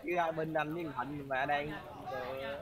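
A man's voice: fairly high pitch, fairly even intonation, moderate pace, a crowd in the background. A man on game voice chat, blunt and swearing, repeating urgent commands. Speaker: teammate in voice chat. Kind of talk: gaming banter.

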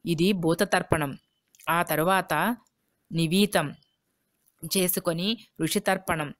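A woman giving a scripted devotional recitation of scripture, reading in a steady, measured way and listing names slowly and deliberately. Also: fairly low pitch.

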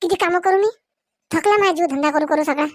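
A weary middle-aged village woman who complains heatedly, acted by a woman. The voice is high and a little set back from the microphone, in dry sound. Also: fast talker, dry recording. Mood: complaining.

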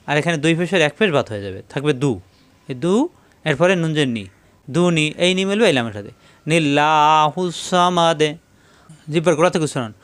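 A man teaching Quran reading rules, spelling words out letter by letter and reciting verses slowly, often telling listeners to pay attention. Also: on the high side, dry recording. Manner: patient, repeatedly tells listeners to pay attention. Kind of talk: tajweed reading lesson.

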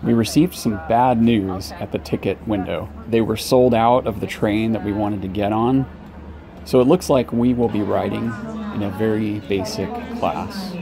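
Holding the camera at arm's length, a man in his thirties walks busy city streets and a large train station for his travel vlog, adding wry jokes as he narrates. He speaks at normal speed in a lowish, creaky voice over crowd, street and station noise.

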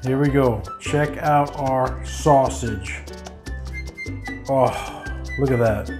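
A man's voice: mid-range voice, drawn-out words, music in the background. A middle-aged man hosting a casual home cooking show, chatty and enthusiastic, laughing often. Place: home kitchen indoors.

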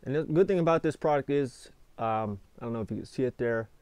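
A man's voice: mid-range voice, quick pace, darkish tone, clean tone, no room sound. Young American man talking with dip in lip. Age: 20s. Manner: talks with a lip full of dip. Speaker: product reviewer, video channel host. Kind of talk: casual chat to camera. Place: small indoor space with foil-insulated walls.

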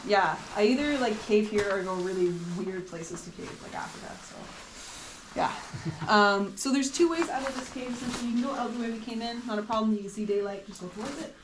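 A woman's voice: mid-range voice, a little fast. Woman guide with cave echo. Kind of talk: guiding a tour. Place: inside a cave. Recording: echoey cave, voice from far off, noisy.

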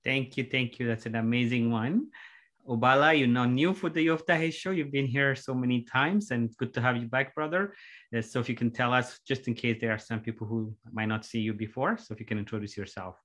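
A man's voice: mid-range voice, brisk, a bit bright. A man hosting a talk show over a video call, thanking guests and introducing each one with a few hesitant fillers. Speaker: show host. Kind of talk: casual video-call interview.

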